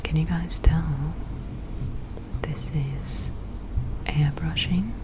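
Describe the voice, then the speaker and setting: A woman whispers in a gentle ASMR style, close to the microphone. Her voice sits low and she takes her words very slowly. A clear, steady hum of air conditioning runs behind her. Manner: soft, gentle, unhurried whisper. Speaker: ASMR video host. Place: indoor room with air conditioner running. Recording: clear steady background noise. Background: air conditioner noise, tapping and clicking of handled objects.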